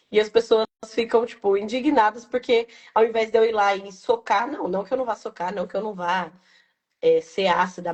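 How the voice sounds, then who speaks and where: A young adult woman, a business owner, talking in a casual, reflective and emotional way, tagging her phrases with quick questions. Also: medium pitch, a little mellow. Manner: reflective, emotional, frequent "né" tags. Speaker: business owner interviewed about her brand. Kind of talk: casual heartfelt testimonial.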